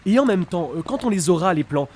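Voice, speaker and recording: A nervous, bumbling henchman from a comic audio drama, acted by a man, flattering and evasive. He stammers in a high voice that leaps about, over faint noise. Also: fast talker. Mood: naive. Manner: stammering, flustered, over-explaining.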